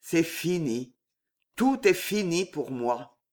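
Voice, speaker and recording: Male narrator doing a crushed young officer, slow heavy despair, fairly high voice. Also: big pitch swings. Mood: hollow.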